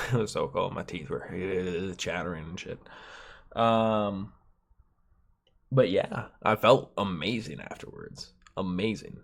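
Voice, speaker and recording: A man with a very low voice talks through a solo podcast episode, loose and meandering. He swears freely and leans on fillers, and he sounds stuffed up. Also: fairly bright tone. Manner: rambling, profane and laid-back, with many fillers. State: stuffed-up nose. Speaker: podcast host. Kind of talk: solo casual podcast chat.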